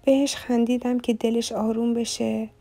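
A woman reading a novel aloud as an audiobook narrator, in a soft, even storytelling manner. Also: a little high, vocal fry, soft background music.

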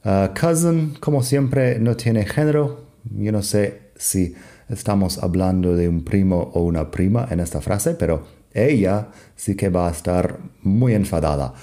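A man with a low, mellow voice teaches in an unhurried podcast lesson. His first language is English, and he reads example sentences slowly and patiently before explaining them.

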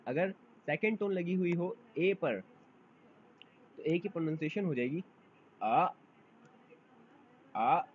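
A man gives a beginner language lesson, his voice a little high, and he stretches out each model sound. He keeps asking the class to repeat after him. The recording is dull and lo-fi, with a faint hiss behind. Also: darkish tone. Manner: repeats drills patiently, asks learners to repeat after him; drawn-out model sounds for drills. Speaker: language teacher.

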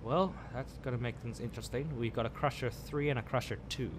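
A man's voice: mid-range voice, steady tone, a little fast, noisy background. A man from South Africa giving casual live commentary while playing a video game, muttering his reactions as he plays. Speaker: gaming channel host.

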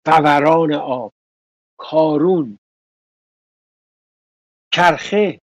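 A man's voice: on the high side, no room sound, poor audio. A man hosting a political commentary show, talking indignantly and sarcastically in a studio.

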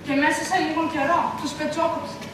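On an echoey school stage, caught from a distance by a camera mic with a noisy background, a woman plays an anxious, devout mother. Her high voice holds a level tone, lightly acted, as she laments and pleads in a worried, fervent, prayerful way.

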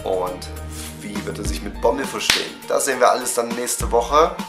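Music plays in the background as a man in his twenties, medium-pitched and speaking at normal speed, casually runs through his week for a fan channel. He's got a cold that makes his voice sound off, and the small home room gives a roomy sound. He talks directly to the webcam, chatty and full of fillers.

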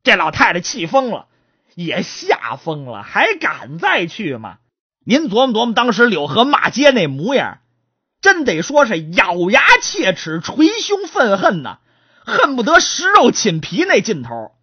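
Woman storyteller, chatty, husky, very lively pitch. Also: unhurried, no echo, highs cut off. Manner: chatty, addresses listeners. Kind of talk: traditional oral storytelling.

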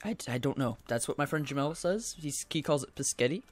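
A young man giving casual, rambling let's-play commentary, excitable and full of goofy asides. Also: medium pitch, fairly quick. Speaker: gaming video host.

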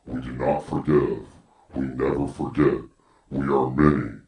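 Disguised, extremely deep male voice. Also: steady tone, a little mellow. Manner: solemn, slow, declaiming. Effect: disguised, electronically deepened voice. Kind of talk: scripted warning statement. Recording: echoey, distant-sounding disguised voice.

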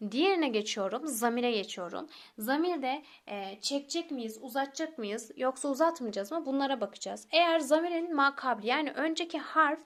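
Female teacher, young adult, fairly high pitch; patient, repetitive lesson delivery. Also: animated, a bit bright. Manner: patient, repeats rules step by step, addresses listeners as friends; slows down to recite example words. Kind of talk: recorded tajweed lesson.

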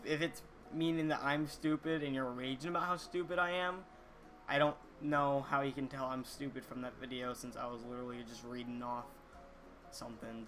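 Bright-voiced teenage boy chatting to camera. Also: mid-range voice. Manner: halting, earnest, repeats words. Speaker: YouTuber reading viewer comments. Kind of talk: casual chat to camera. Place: small indoor room, gaming chair.

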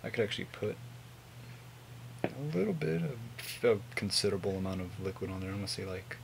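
A man in his twenties giving a casual, mumbled, sweary product review on a low-volume webcam recording. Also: animated, a little fast, gravelly, a little hiss or hum, low-quality recording. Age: 20s. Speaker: vape reviewer. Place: small home room with hanging clothes.

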